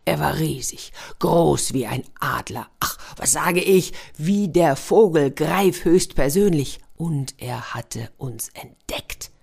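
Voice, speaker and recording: Low-voiced woman telling a children's story. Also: slow, vocal fry, few pauses, breathy edge. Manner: lively, with hushed whispered asides.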